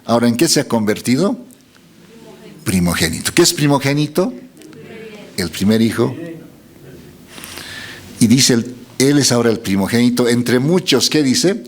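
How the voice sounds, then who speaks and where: A man's voice: medium pitch, moderate pace, long pauses. Guy preaching a sermon, voice swings up and down a lot, reads verses and asks the crowd stuff. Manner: expressive preaching, reads scripture aloud, asks congregation questions.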